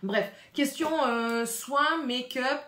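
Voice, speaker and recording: Speaking slowly in a high-pitched voice, a woman with a French accent shows off a shopping haul in a casual home vlog. The beauty vlogger rambles with frequent fillers and false starts, recorded in an echoey room with faint noise.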